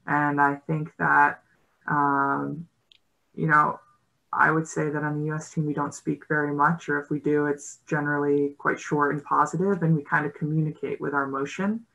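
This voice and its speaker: A woman's voice: low voice, little pitch movement, normal speed, vocal fry, bright, forceful tone, rough recording. A woman in her thirties, a rower on a panel, speaking on a video call in a thoughtful, hesitant way with many fillers. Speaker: guest rower. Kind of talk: casual panel discussion. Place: indoor home room. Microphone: video call laptop mic.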